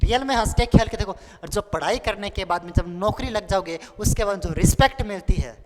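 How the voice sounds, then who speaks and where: A high-pitched, brisk twenty-one-year-old man teaches for an exam, keeping things colloquial and playful as he drills essentials over and over and mimics questions from pupils. The room sounds echoey and hall-like, with noise and clicking throughout.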